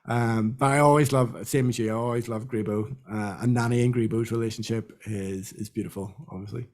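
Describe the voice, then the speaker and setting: A man's voice: mid-range voice, steady tone, a little fast, a little mellow. A young man from Britain, a podcast co-host talking casually and rambling with many fillers. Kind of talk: casual chat.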